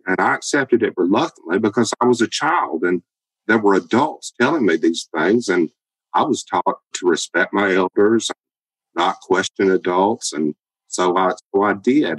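A man's voice: sits low, no echo, poor audio. A man in his fifties with a Southern Alabama accent, a guest telling his story plainly and candidly in a podcast interview. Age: 50s.

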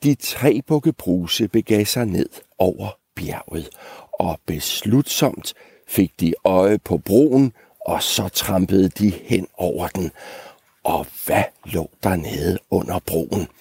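A man reading a fairy tale aloud in an expressive storytelling manner. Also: deep voice, creaky, husky, dry recording.

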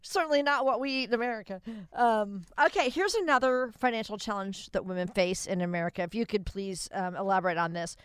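A woman's voice: medium pitch, fairly quick, few pauses, clean tone, no echo. A woman co-hosting a financial radio show, reading out topics and chatting in an upbeat way. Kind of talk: casual radio chat.

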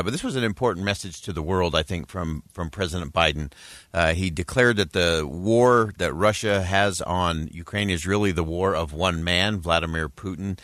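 Male radio commentator, lowish voice, measured analysis with hesitations, dry studio sound. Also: fairly bright tone, dry recording. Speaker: radio host and political commentator. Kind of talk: live news commentary.

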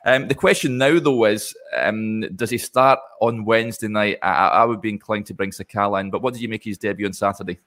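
Low-voiced man co-hosting football talk. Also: quick pace, hardly any pauses, fairly bright tone. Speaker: football podcast co-host. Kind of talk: casual football discussion.

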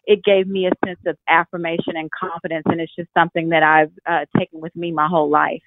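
A woman's voice: lowish voice, level tone, fast talker, no room sound. A young woman from Texas, a film director, talking reflectively with many fillers during an interview. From Fort Worth, Texas. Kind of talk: interview over a phone line. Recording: tinny phone line.

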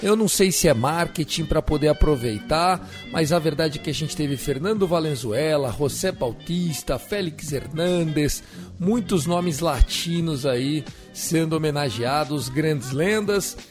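A man's voice: a little high, animated, a little slow, faint music behind. A man with a Brazilian accent hosting a sports podcast in a casual presenting style. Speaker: podcast host.

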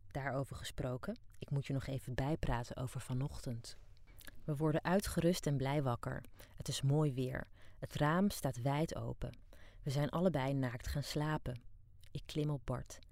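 A woman's voice: very deep voice, moderate pace, a little mellow, no echo. A middle-aged woman from Amsterdam narrating her own diary as an audiobook, frank, wry and down-to-earth. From Amsterdam, Netherlands. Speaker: narrator and author.

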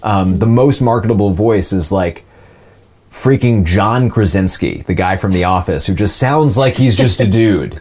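As an interview guest, the voice actor, a man in his twenties, recounts stories casually and pokes fun at himself. His announcer-like delivery is polished, pitched on the low side, darkish in tone, and a little slow.

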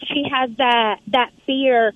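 A woman's voice: a little high, steady tone, takes it slowly, no room sound. A woman in her thirties calling a radio show on speakerphone, asking earnest, hesitant questions with many ums. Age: 30s. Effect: speakerphone over a phone line. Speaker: caller. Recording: tinny phone line.

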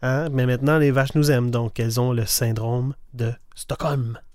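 A man's voice: mid-range voice, fairly even intonation, normal speed, darkish tone, no room sound, studio quality. A man with a Quebec French accent co-hosting a casual quiz podcast, making up playful puns to remember answers. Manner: playful, punning mnemonics. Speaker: podcast co-host.

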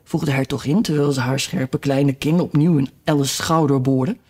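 A narrator reading a children's classic aloud with expressive delivery. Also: medium pitch, normal speed. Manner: expressive storytelling. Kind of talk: audiobook reading.

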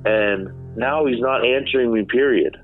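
A man's voice: mid-range voice, a little slow, faint music behind. Man on a tinny phone line. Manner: emphatic, candid, repeats words, swears. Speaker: former inmate recounting events. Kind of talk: recorded phone interview.

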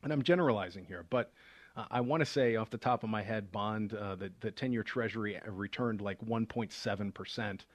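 Low-voiced guy hosting a money radio show, chatty explainer with lots of uhs, dry close sound. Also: fairly quick, no room sound. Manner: conversational, with frequent fillers and restarts. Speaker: financial advisor and radio show host. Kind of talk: casual explanatory radio talk.

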